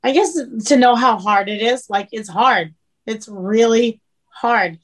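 A woman's voice: fairly high pitch, slow pace, poor audio. A woman chef, a guest on a casual chat, talking frankly and swearing casually.

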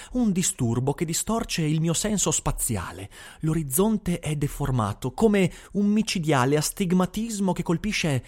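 A man's voice: on the high side, a little mellow, voice pushed up. A man voicing an anxious, disoriented middle-aged official in an audiobook.

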